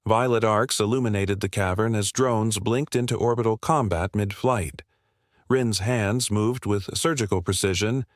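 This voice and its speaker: A man narrating a scripted sci-fi war story in a steady, dramatic way. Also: on the low side, no echo, studio quality.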